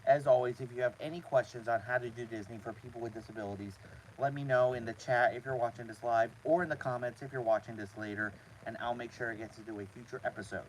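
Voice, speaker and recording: A man hosting a casual live stream from inside a small trailer, talking to his chat in a halting way with repeated words. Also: mid-range voice, fairly even intonation, a little hiss or hum, poor audio. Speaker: host of a live show.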